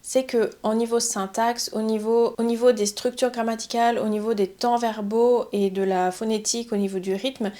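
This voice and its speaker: A young adult woman from France, a French teacher calmly explaining step by step in a podcast. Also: fairly high pitch, moderate pace, few pauses. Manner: calm, methodical explaining, building points step by step.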